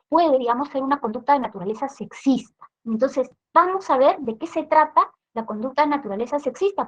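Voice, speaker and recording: A high-pitched woman with a Peruvian accent leads a police training session, explaining slowly and checking in with her listeners. She keeps tossing in little tag questions. The recording sounds dull and lo-fi. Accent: Peruvian Spanish. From Peru.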